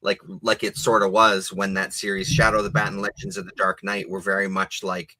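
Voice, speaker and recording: A man with a lowish voice and a bright, forceful edge, chatting loosely on a video-call livestream. He rambles in a relaxed way and drops the odd swear. The sound is dry and close. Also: fairly quick, dry recording. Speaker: co-host. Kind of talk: casual livestream chat.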